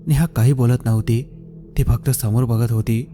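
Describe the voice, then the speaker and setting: A male storyteller narrating a scripted horror tale at a slow, suspenseful pace. His tone is very dark and warm, at an ordinary pitch for a man. Soft music plays faintly behind him. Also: fairly even intonation.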